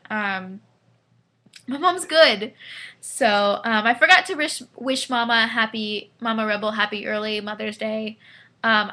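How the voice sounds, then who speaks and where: Bright, tipsy young woman rambling. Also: medium pitch. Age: 20s. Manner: excitable, rambling, many fillers and restarts. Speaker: vlogger reviewing a concert. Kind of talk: casual rambling review. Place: indoors at home.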